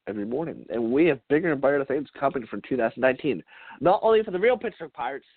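A podcast host signs off a casual solo baseball show, rambling, repeating words, chuckling, and stumbling over his speech while sounding a little congested. His voice is mid-range. The recording is dry and tinny like a phone, with no echo.

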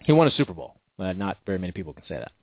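Deep-voiced man, casual sports talk. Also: sing-song, rapid-fire, no echo, narrow, tinny audio. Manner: says "like" often, hedging opinions.

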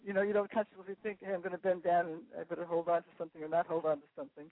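Over a dry phone line without room sound, a guest caller in her fifties chats casually, eager and repeating points to stress them. She talks very quickly in a steady tone, with a voice on the low side.

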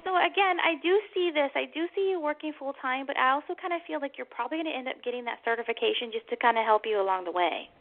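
A woman's voice: high voice, fast talker, few pauses, narrow, tinny audio. A woman giving a psychic reading to a caller, speaking in a soothing, reassuring way with affectionate endearments. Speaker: psychic medium, host.

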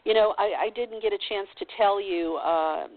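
A woman hosting a talk show who introduces her guest warmly, with many filler words. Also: mid-range voice, moderate pace, no echo. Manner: warm and gushing, heavy on filler words. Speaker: radio show host. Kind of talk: interview introduction. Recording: tinny phone-line sound.

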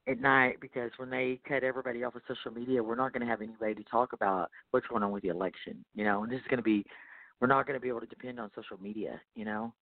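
Racing along in a steady, medium-pitched tone, a male podcast host rambles casually and keeps checking in with his listeners, frequently tacking "you know" onto sentences. There's no echo, though his makeshift setup makes the recording thin and phone-like.

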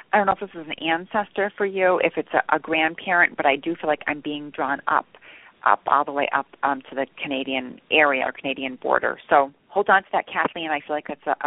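A woman hosting as a spiritual medium, giving intuitive readings and guided meditation in halting, repetitive phrases with reflective pauses. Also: sits low, no echo. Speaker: spiritual medium and show host. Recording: narrow-band telephone or radio line.

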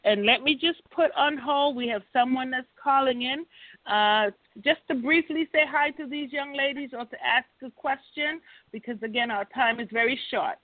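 High woman host over a tinny phone line. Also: moderate pace, no echo. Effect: heard over a phone line. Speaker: call-in show host. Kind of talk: phone-in talk show hosting.

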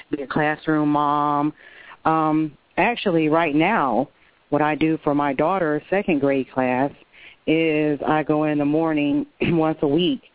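A woman's voice: low voice, dry recording. A woman calling in to a radio show over a phone line, talking earnestly and personally with a few restarts. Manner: earnest, personal, speaks from the heart with some restarts. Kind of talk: casual call-in chat. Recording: tinny dry phone line.

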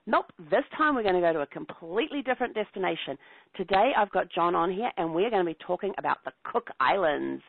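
A woman's voice: on the low side, creaky, no room sound. A woman host with a New Zealand accent, talking with bubbly, chatty enthusiasm in a casual travel interview. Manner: bubbly, chatty, laughs easily. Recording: dry phone-line sound.

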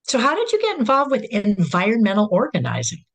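A podcast host interviewing a guest in an encouraging way, often adding soft affirmations. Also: mid-range voice, wildly swooping pitch, brisk, gravelly.

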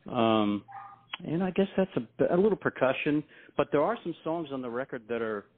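A man's voice: mid-range voice, expressive, normal speed, a little hiss or hum. A man talking casually as a musician guest in an interview, with a folksy, self-deprecating manner. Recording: thin, phone-like line.

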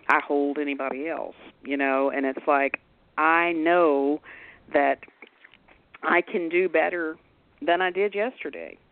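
Man, fairly high voice, reflective conversational radio co-host, tinny phone sound. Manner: reflective, conversational, quick to affirm and laugh along. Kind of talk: casual spiritual talk radio chat.

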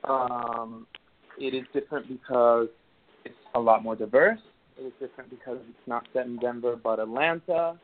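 Heard through a tinny phone line, this guest is an actor from Venezuela in his thirties with a Venezuelan Spanish accent. His mid-range voice moves at a moderate pace while he answers interview questions hesitantly, full of fillers and restarts.

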